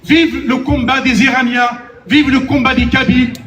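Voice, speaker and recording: A man giving a militant rally speech, declamatory, with shouted emphasis. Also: extremely high pitch, little pitch movement, normal speed. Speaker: activist, rally speaker. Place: outdoor demonstration, amplified mic. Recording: echoey distant rally PA, faint noise.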